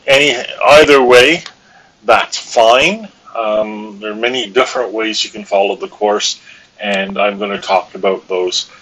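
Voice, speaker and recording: A man's voice: medium pitch, fairly bright tone, rough recording. A man with the hiccups giving a live-streamed course tutorial, hesitant and filled with ums and uhs as he walks through his screen. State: has the hiccups. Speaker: online course instructor.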